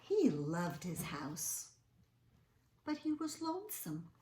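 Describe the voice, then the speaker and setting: In a roomy, echoing indoor space with slight background noise, a woman with a fairly low voice reads a storybook aloud to young children. She goes slowly, sing-song and animated, stretching words for emphasis and pausing to question her listeners.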